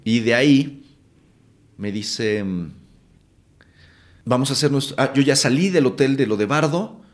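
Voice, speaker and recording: Guest actor, male, Mexico City accent, lively anecdotal delivery with salty slang. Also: medium pitch, measured pace. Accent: Mexican Spanish. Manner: animated, acts out quotes, swears casually. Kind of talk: casual storytelling interview.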